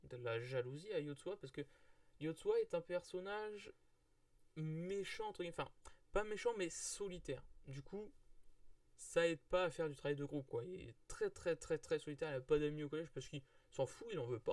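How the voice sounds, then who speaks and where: Man, casual rambling review, higher voice, dry sound. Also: normal speed, a little mellow, dry recording. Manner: rambling, many fillers and restarts. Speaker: manga reviewer.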